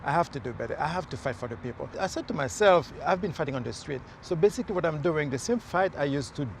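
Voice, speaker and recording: A man from Haiti talks earnestly and haltingly in an outdoor interview, his fairly high voice rough with gravel. Faint city traffic hums behind him. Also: expressive. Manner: earnest, hesitant, many fillers. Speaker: mayoral candidate. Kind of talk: casual interview.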